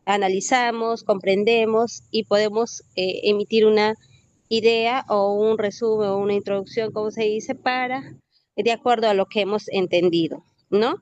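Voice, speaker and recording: A woman student reading a definition aloud at a steady pace, then explaining it with small fillers and tag questions. Her voice is mid-pitched. The sound is dry and muffled, with a lo-fi quality. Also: normal speed, dry recording. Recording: dull, lo-fi sound.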